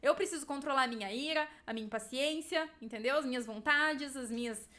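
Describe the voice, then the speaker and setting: High-voiced Brazilian woman, emphatic. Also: brisk, pushed and bright. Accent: Brazilian Portuguese. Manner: emphatic, asks rhetorical questions, often adds "entende?". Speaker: mother giving parenting advice. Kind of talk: casual talk to camera. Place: at home.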